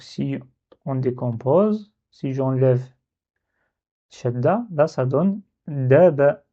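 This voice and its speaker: A man teaching Arabic letter reading in a slow step-by-step lesson, patiently spelling out syllables and repeating them. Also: mid-range voice, warm tone, breathy edge, highs cut off.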